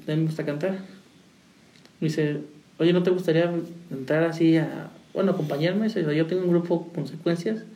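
Gravelly man, far in a roomy space. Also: fairly high pitch, mellow. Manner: rambling, with many restarts and laughs. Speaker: musician guest. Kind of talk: casual interview storytelling. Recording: roomy, distant, faint noise.

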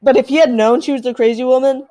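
A woman's voice: sits high, fairly even intonation, fast talker, warm tone, no room sound. A young woman co-hosting a podcast, agreeing a lot and laughing easily as she chats about films. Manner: giggly, agreeable, chimes in often. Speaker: podcast co-host. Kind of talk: casual film discussion.

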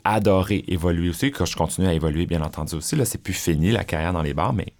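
Speaking fast in a low-pitched voice, this middle-aged drag performer with a Québécois French accent is a guest in a conversational interview. His storytelling is lively and chatty, heavy with fillers.

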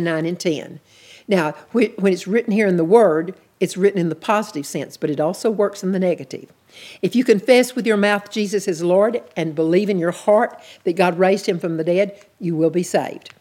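A woman's voice: fairly low pitch, darkish tone. A woman teaching a sermon in an earnest, plainspoken way, repeating her key points. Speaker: Bible teacher.

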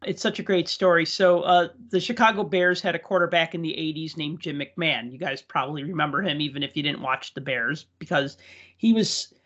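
On dull lo-fi audio, a man with a slightly high, a bit bright voice speaks briskly as he hosts a casual podcast, enthusiastically telling stories and laughing along with them.

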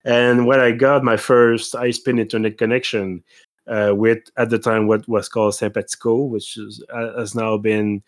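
A man co-hosting a podcast in casual chat, thinking aloud with frequent pauses. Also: on the low side, level tone. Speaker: podcast co-host.

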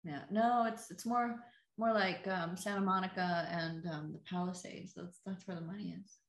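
A woman's voice: fairly low pitch, fairly even intonation, normal speed, roomy sound. A woman guest on a podcast, telling stories in a laid-back chat and often trailing off mid-sentence. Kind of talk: casual chat.

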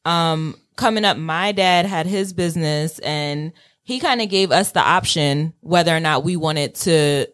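A woman's voice: sits low, measured pace. A woman talking informally and reflectively in a casual conversation as an interviewer.

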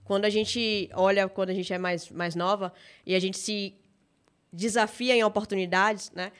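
A woman's voice: mid-range voice, fairly even intonation, normal speed, clean tone. A woman in her thirties with a Bahian Portuguese accent, speaking as a podcast guest. Her talk is casual and reflective, and she often ends sentences with a questioning aside. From Salvador, Bahia, Brazil. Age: 30s. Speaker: podcast guest, startup founder. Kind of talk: casual interview chat.

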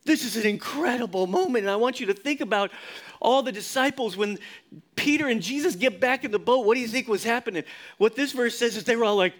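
A man preaching a sermon as pastor, expressive, often dropping to a low hush for emphasis and leading the congregation in responses. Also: a little fast.

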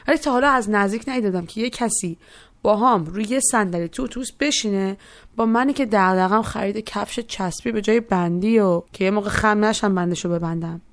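A woman's voice: mid-range voice, no echo. Young woman telling a reflective story. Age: young adult. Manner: reflective, quotes others in voiced asides. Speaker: narrator. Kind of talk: first-person storytelling.

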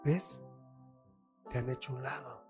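A man preaching a sermon with a Chilean accent, acting out tempting voices and dropping to hushed whispers. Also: mid-range voice, steady tone, a little slow, gravelly, over music. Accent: Chilean Spanish.

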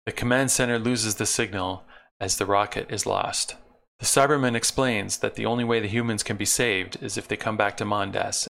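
In a relaxed recap of an episode's plot, a man with a low, gravelly voice pauses for dry, sarcastic asides. His tone carries a sharp, forceful edge, and wry remarks fall between stretches of plot summary.

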